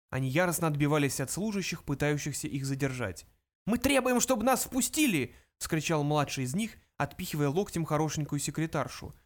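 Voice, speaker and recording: A man reads a comic novel aloud with lively, expressive narration. His voice sits slightly above the usual male range. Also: on the high side. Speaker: audiobook narrator. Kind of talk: scripted narration.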